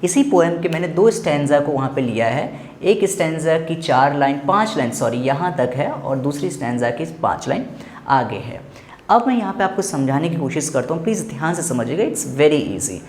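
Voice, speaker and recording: A man's voice: on the high side, animated, normal speed, a little mellow. A man with an Indian accent teaches a lesson, going over each point again and again with emphasis. He keeps nudging the listener to look carefully. His voice bounces around a reverberant room with a faint hiss underneath. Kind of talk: explanatory lesson. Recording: echoey room with faint background noise.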